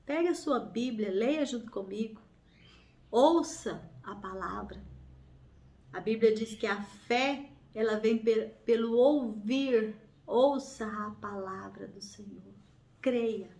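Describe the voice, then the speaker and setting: Woman, devotional preacher, slow deliberate delivery, slightly high voice, fervent exhortations. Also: darkish tone. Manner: fervent, repetitive exhortations with hallelujahs; slow, emphatic, drawn-out phrasing. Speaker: family prayer leader. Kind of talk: devotional preaching and Bible reading.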